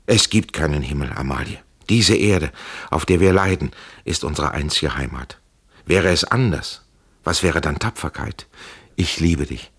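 A man playing an ardent, defiant captive officer in an audiobook, earnest and quietly passionate. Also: extremely low pitch, expressive, unhurried, breathy edge, full character voice.

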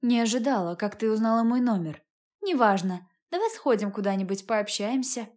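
A woman's voice: a little high, expressive, moderate pace, a little mellow, lightly acted. A woman reading the lines of a breezy, pushy young woman friend calling on the phone in an audiobook.

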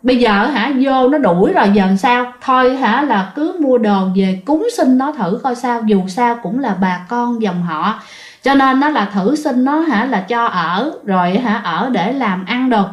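A woman's voice: a little high, lively intonation, a little slow. A woman voicing a stern elderly grandmother who scolds and gives advice. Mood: scolding. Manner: scolding, I-told-you-so. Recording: roomy echo.

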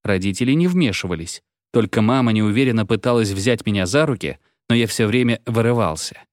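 A man reading a story aloud in an expressive storybook narration. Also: fairly low pitch, brisk, no echo, clean studio sound. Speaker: audiobook reader.

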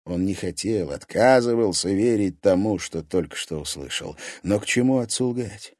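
A man narrating an audiobook in an even storytelling manner. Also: deep voice, slightly rough, no room sound, studio quality. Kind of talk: scripted narration.

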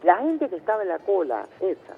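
High-voiced Venezuelan man on a phone line. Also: huge pitch swings, brisk, creaky, breathy edge, soft background music. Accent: Venezuelan, Caracas. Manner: insistent, keeps cutting in to make his point. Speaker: radio caller. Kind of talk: phone-in debate. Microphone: telephone. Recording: tinny phone line with faint noise.

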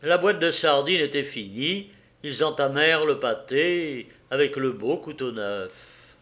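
A male audiobook reader narrating a classic novel in a measured, expressive way. His voice sits somewhat high for a man, and he takes the text slowly, giving each phrase room.

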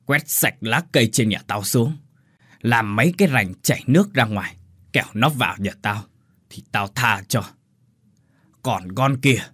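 A man voicing a hoarse grave ghost that has possessed a young man, barking orders in a story reading. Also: medium pitch, expressive, moderate pace, a bit bright, no room sound, studio quality. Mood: menacing. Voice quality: hoarse, harsh commanding.

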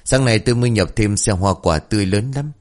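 A man's voice: lowish voice, brisk, close to an everyday voice. A man voicing a chatty, helpful woman who sells fruit in a village. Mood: cheerful.

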